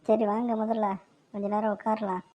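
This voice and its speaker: Cartoon neighbor lady, gossipy, bossy, mellow tone, dull lo-fi sound, voiced by a woman. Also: mid-range voice, level tone, normal speed, close to an everyday voice. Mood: chatty. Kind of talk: cartoon voice acting. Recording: dull lo-fi recording.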